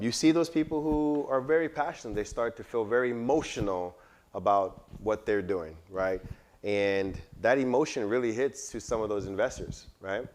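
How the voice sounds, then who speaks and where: A man leading a pitch workshop, coaching students and often checking in with "right?". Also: darkish tone. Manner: frequent "right?" check-ins, encouraging. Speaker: workshop instructor. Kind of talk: coaching feedback in class.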